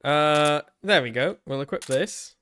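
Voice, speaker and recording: A man's voice: fairly high pitch, animated, a little slow, a bit bright, soft background music. A man giving playful, informal commentary while playing a video game. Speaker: gamer hosting a playthrough.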